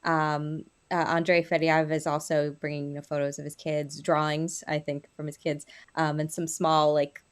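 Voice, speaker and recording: A woman's voice: deep voice, flat delivery, moderate pace, few pauses, clear, resonant tone. A woman co-hosting a livestream, explaining things in an informal, loosely phrased way. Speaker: livestream co-host. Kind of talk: casual explanatory commentary.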